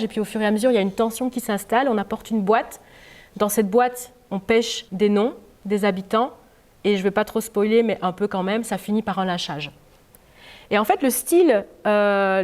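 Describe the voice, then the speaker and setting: A woman's voice: mid-range voice, darkish tone. A woman author giving an informal public talk to an audience in a library, chatty and full of hesitations. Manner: chatty, many hesitations with "euh".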